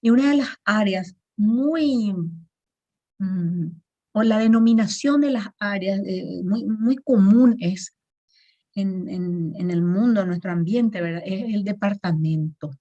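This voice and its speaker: A woman's voice: medium pitch, slow, mellow, dull audio. A woman teaching an online management class, explaining patiently and checking in with frequent tag questions.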